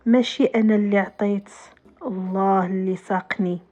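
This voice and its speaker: A woman's voice: medium pitch, fairly even intonation, brisk, mellow, muffled recording, natural voice. A woman with a Moroccan accent voicing a serene, kindly, pious lantern keeper in a folk tale. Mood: calm, kindly.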